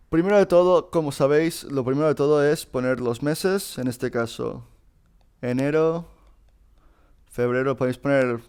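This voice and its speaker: A man with a medium-pitched, slightly mellow, smooth, clean voice solves a past exam in a casual screen-recorded lesson. He chats informally to the students directly, with lots of "eh," fillers and restarts.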